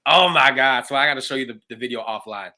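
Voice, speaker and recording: A man, a pastor hosting a livestreamed conversation, telling his own stories in an animated, expressive way. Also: mid-range voice, fast talker. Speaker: pastor and show host.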